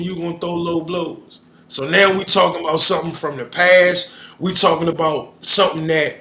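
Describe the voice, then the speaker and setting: Guy with a high bright voice, roomy echo, keeps restarting his sentences. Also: slight background noise. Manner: earnest, repeats himself while working through a thought. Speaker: guest co-host. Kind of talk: casual chat.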